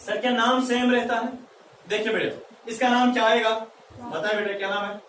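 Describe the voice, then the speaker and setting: High-voiced man teaching in an echoey room. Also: flat delivery, moderate pace, a bit bright, a little hiss or hum. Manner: calls students "beta", asks and answers his own questions. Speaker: chemistry teacher. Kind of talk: classroom lecture. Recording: echoey room, mic far off.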